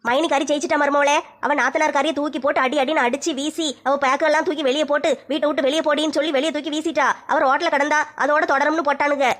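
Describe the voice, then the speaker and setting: Woman playing a rapid-fire bickering mother-in-law. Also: sits high, steady tone, a bit bright. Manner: rapid, blunt, scolding.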